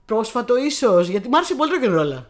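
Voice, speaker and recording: A woman's voice: a little high, very animated. A woman co-hosting a podcast, chatting enthusiastically about films. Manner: chatty, enthusiastic, laughs easily. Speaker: podcast co-host. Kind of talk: casual chat about films.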